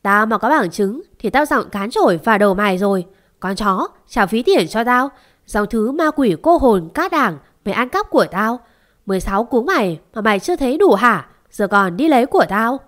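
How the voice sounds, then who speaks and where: A woman voicing a spiteful young servant girl who speaks in shrill, accusing tones. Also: big pitch swings, normal speed, a bit bright.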